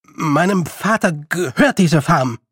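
A man's voice: a little high, lively intonation, slow pace, slightly rough, no room sound, clean studio sound, pitched above the performer's own voice, full character voice. A man voicing a nervous young nobleman's son in an audiobook, stammering in a flustered, slightly raised voice. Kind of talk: audiobook character voice.

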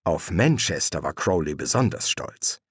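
A man narrating an audiobook in a measured, expressive storytelling manner. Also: low voice, slightly rough, no room sound, studio quality. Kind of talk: scripted narration.

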